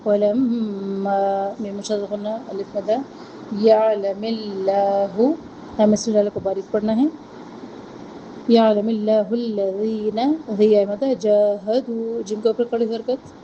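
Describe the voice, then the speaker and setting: A woman teaching Quran recitation, reciting each phrase slowly and then quickly explaining its pronunciation rules. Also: mid-range voice, little pitch movement, mellow, muffled recording, a little hiss or hum. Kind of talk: tajweed lesson, recitation with rule explanations.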